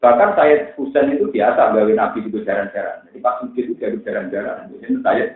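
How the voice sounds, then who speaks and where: A man with a Central Javanese accent preaching a religious lecture, telling stories in a lively way that mixes jokes and pleading. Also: fairly low pitch, fast. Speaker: Islamic preacher. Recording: echoey, tinny lo-fi recording.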